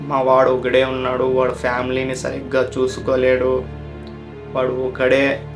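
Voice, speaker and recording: A man's voice: mid-range voice, monotone, unhurried, over music, lightly acted. A man voicing a worried middle-aged mother describing her troubles in a plaintive way, in a retold story. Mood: pleading.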